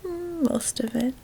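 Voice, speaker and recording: A woman doing an ASMR ASMR role-play as an affectionate, teasing childhood best friend, in a soft, soothing spa-like soft voice meant to relax. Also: high voice, gravelly, full character voice.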